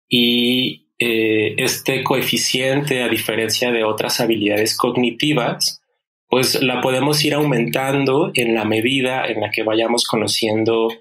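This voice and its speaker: A man's voice: medium pitch, a bit bright, low-quality recording. Young mexican guy chatting on a podcast, explains stuff playfully, laughs a lot. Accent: Mexican Spanish. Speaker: guest sex therapist. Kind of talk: casual podcast conversation.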